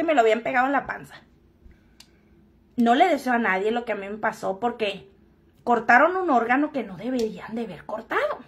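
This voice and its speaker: A woman's voice: high voice, a bit bright. A woman telling a personal story to camera in a frank, joking, crude-spoken way. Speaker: vlogger.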